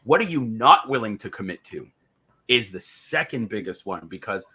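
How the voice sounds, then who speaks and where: A man's voice: lowish voice, animated, moderate pace, bright, forceful tone, slightly rough. A man hosting a casual relationship podcast, reflective and talking through examples. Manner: reflective, talks in hypotheticals and examples. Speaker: podcast host. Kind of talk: casual conversation.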